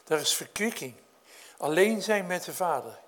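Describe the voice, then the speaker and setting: A man preaching a sermon, speaking earnestly to his congregation, lifting his voice when telling the story and dropping it low to reflect. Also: very animated, normal speed, a bit bright. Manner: addresses congregation directly with questions.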